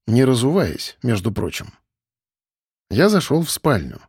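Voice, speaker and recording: Male first-person audiobook narrator, even tone, mid pitch, dry close recording. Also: measured pace, breathy edge, no echo.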